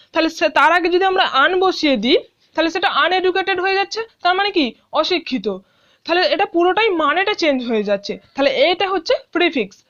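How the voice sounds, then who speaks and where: A woman's voice: extremely high pitch, fairly bright tone. A woman teacher explaining a school English lesson to students, asking questions and then answering them patiently. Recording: dull lo-fi sound.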